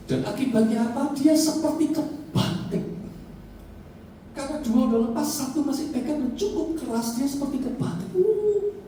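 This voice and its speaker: A middle-aged male pastor delivers a fervent sermon, his voice mellow and warm yet swinging widely in pitch. He stretches key phrases out slowly for emphasis and drops from loud declarations to hushed storytelling. The sound carries a heavy echo from a large church hall, heard from some distance with faint room noise. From Indonesia. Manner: passionate preaching, big swings in pitch and loudness, drawn-out emphatic phrases.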